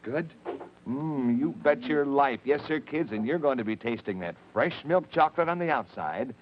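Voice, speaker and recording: A man's voice: medium pitch, expressive, normal speed. A man hosting an old children's TV show, speaking in a folksy, exclamatory way to the kids. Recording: muffled, noisy old TV recording.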